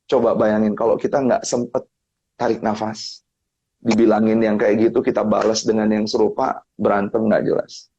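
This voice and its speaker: A man talking casually as a guest on a family live stream, telling animated stories and acting out other people's lines with big jumps in his voice. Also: lowish voice, moderate pace, breathy edge, lo-fi sound. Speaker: guest speaker on family topics. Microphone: live-stream mic.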